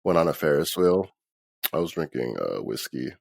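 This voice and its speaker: A hungover man talks in a very deep, creaky voice. He is laid-back and slangy, swearing easily as he chats as a guest, and the sound is dry and close. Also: sing-song, moderate pace, no room sound. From Philadelphia. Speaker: interview guest, band musician. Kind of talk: casual chat.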